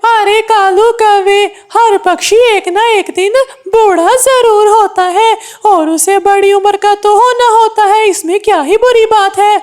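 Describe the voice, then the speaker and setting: Cartoon: gossipy, scornful male parrot, high and drawn-out, woman voicing. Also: darkish tone. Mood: teasing. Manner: teasing, scolding. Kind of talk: cartoon voice acting.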